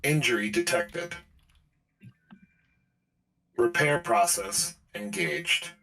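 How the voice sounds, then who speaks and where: A man's voice: on the high side, lively intonation, vocal fry, sharp tone, soft background music, full character voice, low-quality recording. A man voicing a robot core booting up. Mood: mechanical. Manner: slow clipped robotic announcements. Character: ancient machine core booting up. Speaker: game master.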